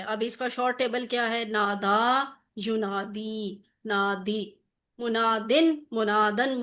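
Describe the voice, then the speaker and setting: A woman's voice: fairly high pitch, fairly bright tone. A woman teaching an online grammar class, patiently drilling word forms and asking students questions.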